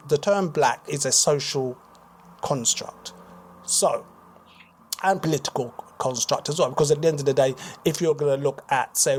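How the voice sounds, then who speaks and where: A British man speaking as a guest author on a radio talk show, explaining in a measured way and repeating words as he thinks. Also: medium pitch, slight background noise. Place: radio studio.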